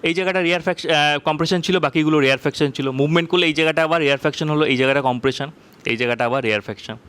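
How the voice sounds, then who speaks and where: A man teaching a physics lesson, explaining in a conversational way and reading textbook lines slowly, often checking if it's clear. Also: a little high, fairly bright tone, dry recording.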